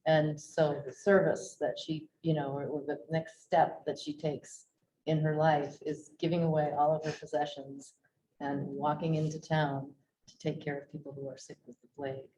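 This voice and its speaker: A woman leading a casual book club discussion, haltingly searching for her words. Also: deep voice, flat delivery, dark tone. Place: indoor room at a book club meeting. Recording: dull recording with faint noise.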